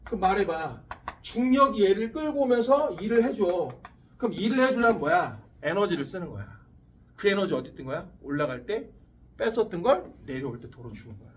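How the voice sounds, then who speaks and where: A man's voice: high voice, brisk, recorded from a distance, slight background noise. A man teaching a physics class, talking animatedly with crude slang and telling stories between the lessons. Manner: animated, crude slang, acts out quoted voices. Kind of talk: classroom lecture with storytelling.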